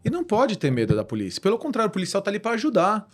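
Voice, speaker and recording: A man's voice: high-pitched, wildly swooping pitch, rapid-fire. A man hosting a podcast, chatting casually and sharing his opinions at length. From Brazil. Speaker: podcast host.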